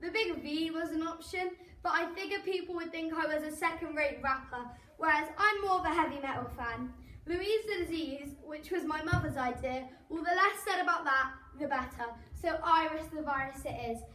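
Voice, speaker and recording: A woman's voice: high-pitched, moderate pace, sharp tone, roomy sound. A woman voicing a pompous, gloating female supervillain virus who cackles and boasts. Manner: evil cackling, grandiose boasts.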